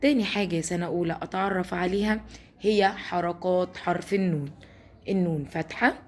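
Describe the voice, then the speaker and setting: Egyptian woman teacher, lowish voice, stretches out letters for small kids, keeps praising them. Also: slightly rough. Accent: Egyptian Arabic. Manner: slow, drawn-out spelling of sounds and words; encouraging, praising the class. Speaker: primary school teacher. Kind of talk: recorded lesson for first graders.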